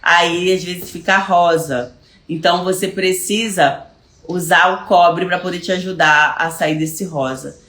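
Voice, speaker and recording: A hairstylist with a Brazilian Portuguese accent teaches hair lightening in a chatty live online class, answering viewer questions and often repeating words while she searches for them. Her lowish voice is fairly bright, a little slow and fairly even in intonation. The room is echoey.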